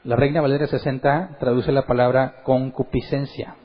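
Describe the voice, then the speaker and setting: A pastor leads a sermon-style Bible study, quizzing his listeners and acting out quotes with animated energy. His voice is medium-pitched and moderately paced, and the recording sounds muffled.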